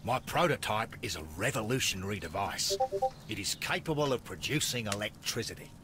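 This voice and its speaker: A man's voice: on the low side, animated, a little fast, background noise, close to an everyday voice. An actor playing a pompous, self-important male businessman and inventor in a video game.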